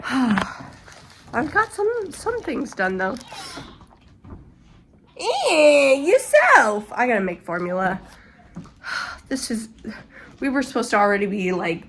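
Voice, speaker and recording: Speaking at medium pitch over a slight hiss or hum, a sick young vlogger with a sore throat rambles on and vents from indoors at home. She leans heavily on "like" as a filler.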